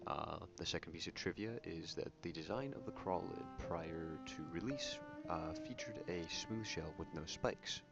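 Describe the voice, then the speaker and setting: A man speaks softly in a very low voice with a crackly, fry-laden edge, in the style of ASMR game commentary. He is casual and rambling, often correcting himself. The audio is slightly muffled. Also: moderate pace, few pauses. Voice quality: soft-spoken, low voice without whispering. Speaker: YouTube game channel host. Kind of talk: soft-spoken ASMR commentary on a video game. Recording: muffled audio under prominent music. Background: music.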